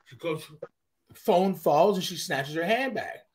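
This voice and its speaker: Animated high-voiced man telling a story. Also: a little slow. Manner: animated, profane, slips into mock voices and accents. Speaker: podcast host. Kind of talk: casual storytelling chat.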